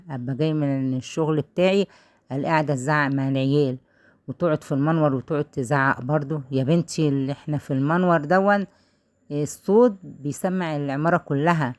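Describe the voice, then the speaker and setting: An Egyptian woman tells a story in a quick, casual, chatty way, her words tumbling out. Her voice sits low for a woman. She recounts what someone told her and then gives her own advice. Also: a little mellow. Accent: Egyptian Arabic.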